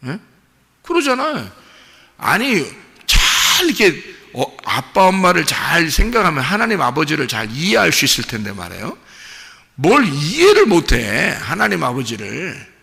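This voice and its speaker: A middle-aged man preaching a sermon as senior pastor, folksy and lively, acting out little dialogues and rising to shouts. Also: fairly high pitch, moderate pace, creaky. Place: church sanctuary. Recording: long hall reverb.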